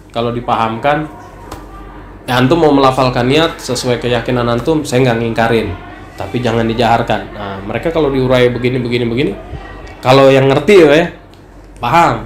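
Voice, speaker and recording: A man acting as an ustaz, who teaches Islamic law in a relaxed, conversational study session and sometimes acts out the questions worshippers bring him. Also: medium pitch. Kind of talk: religious study talk. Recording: echoey room with some noise.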